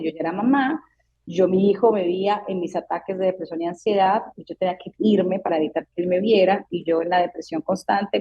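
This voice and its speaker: A woman's voice: medium pitch, mellow, husky, dull audio. A woman in her thirties, a psychologist guest in an interview, earnestly telling her own story and acting out the voices she quotes. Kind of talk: personal testimony in a podcast interview.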